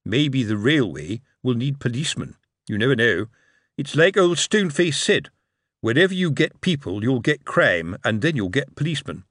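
A man's voice: medium pitch, sing-song, moderate pace, fairly bright tone, no echo. A gossipy city copper, as a male narrator puts him on, musing aloud in a friendly, lilting voice. The delivery is dry and intimate, close to the mic.

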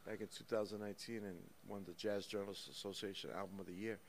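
A man being interviewed as a guest musician, talking in a lively, storytelling way and counting rhythms out loud. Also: fairly low pitch, quick pace, a little hiss or hum. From United States. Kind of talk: casual interview. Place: small recording studio. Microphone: studio microphone.

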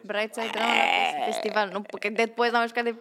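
A woman's voice: a little high, little pitch movement, a bit bright. A young woman co-hosting a casual podcast, telling stories in a chatty way, laughing often and acting out what others said. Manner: chatty storyteller, laughs often, acts out quotes. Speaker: podcast co-host, theatre troupe member. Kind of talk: casual chat.

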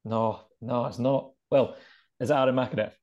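A man's voice: medium pitch, steady tone, normal speed, lo-fi sound, a crowd in the background. A man with a Scottish accent guessing answers on a casual podcast quiz, easygoing and a bit hesitant. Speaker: quiz contestant.

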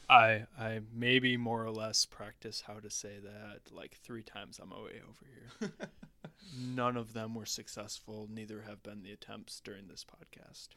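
A man's voice: fairly low pitch, fairly even intonation, a little slow, pushed and bright, no echo. A man in casual podcast chat, talking in a wry, rambling way and laughing often. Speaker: podcast co-host.

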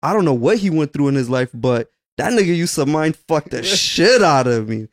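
A man's voice: fairly high pitch, expressive, moderate pace, no echo, clean studio sound. A young man chatting casually with friends in slangy, profane language. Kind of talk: casual chat among friends.

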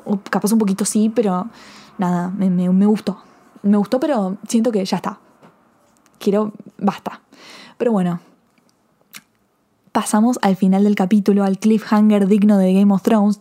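A woman with an Argentine accent casually reviewing a TV episode, rambling and excitable, full of fillers and restarts. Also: mid-range voice. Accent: Argentine Spanish. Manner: excitable, emotional. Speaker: TV series reviewer.

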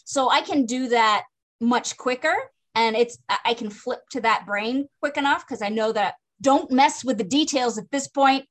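A woman's voice: a little high, normal speed. A woman author with a light Maine accent, hosting a casual chat with frequent agreeing fillers. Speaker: podcast host, author.

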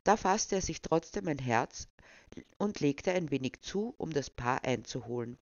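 A storyteller reading a short story aloud in an even, measured way. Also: mid-range voice, no room sound. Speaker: narrator. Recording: dull, dry recording.

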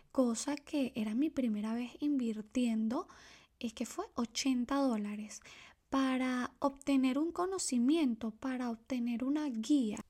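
A young Ecuadorian woman hosts her own solo podcast, speaking in a slightly high voice with a dark tone. She's chatty and confiding, peppering her talk with asides and fillers.

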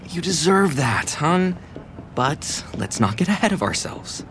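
A practical adviser in an audio drama. He is gently blunt, and his mid-pitched voice moves lively up and down. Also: unhurried, slight background noise.

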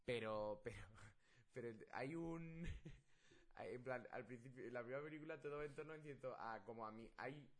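A man's voice: medium pitch, normal speed. A man co-hosting a casual podcast chat, rambling and swearing as he tells stories. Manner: rambling, swears, animated when retelling. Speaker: podcast co-host.

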